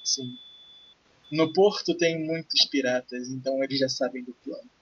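In an improvised tabletop role-play, a man with a Brazilian accent plays a brash, ruthless male pirate plotting a kidnapping, sounding crude and conspiratorial in a husky, raspy voice. His mid-range voice has lively intonation, a moderate pace and a bit of brightness. The dull, lo-fi recording carries slight background noise.

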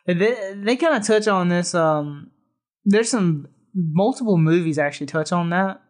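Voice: mid-range voice, expressive, moderate pace. A podcast host retelling a movie plot in a casual, chatty way and laughing often. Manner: storytelling recap, laughs often. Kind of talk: casual movie-recap chat.

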